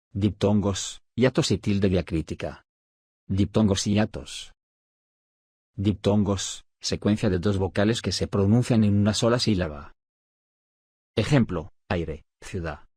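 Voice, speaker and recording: Deep husky male lesson narrator. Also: darkish tone, no room sound, studio quality. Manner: measured, list-like dictation with pauses. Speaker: audiobook narrator of a study syllabus. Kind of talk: scripted reading of spelling rules.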